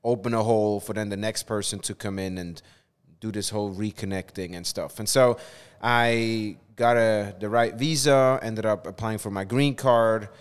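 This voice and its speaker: A Swiss man in his thirties, a non-native English speaker, tells his story conversationally as a podcast guest; he's a community engagement pastor. His lowish voice is clear and resonant, with a long reverb tail.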